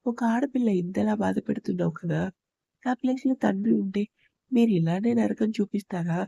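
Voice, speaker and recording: A woman's voice: mid-range voice, brisk, gravelly, warm tone, husky, dry recording. A woman narrator voicing a hurt, angry young wife who pleads and scolds in a storybook. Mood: pleading.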